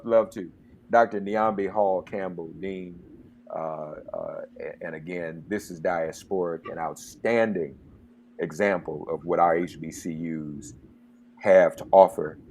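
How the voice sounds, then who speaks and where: A man's voice: low-pitched, a little mellow, a little hiss or hum. A man hosting a radio talk show, speaking with passion and getting worked up like a preacher. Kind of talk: interview and commentary.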